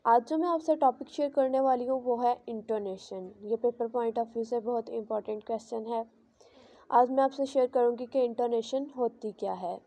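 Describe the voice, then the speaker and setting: A woman teaching English, slowly explaining and repeating each definition in two languages. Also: a little high, dark tone. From Pakistan. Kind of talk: classroom lecture.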